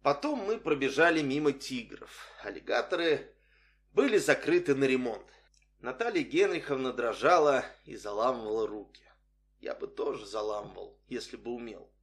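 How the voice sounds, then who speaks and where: Male narrator, humorous story, scripted reading, dry wry delivery, lively pitch movement. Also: normal speed. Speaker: audiobook reader.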